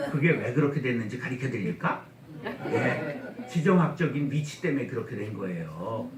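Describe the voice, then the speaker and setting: A man preaching a humorous revival sermon, getting the congregation to repeat after him and mimicking slow regional speech. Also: a little high. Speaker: guest pastor at a revival meeting. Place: church sanctuary. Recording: echoey church hall, mic at a distance.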